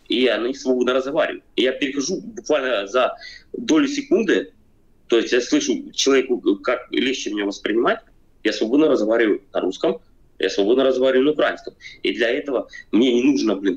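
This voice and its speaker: A Ukrainian man in his forties joins a casual debate as a guest on a video call from home, seated in an armchair in a room. His mid-range voice is brisk, but he hesitates with many fillers and restarts. The webcam audio is muffled, dull, and lo-fi.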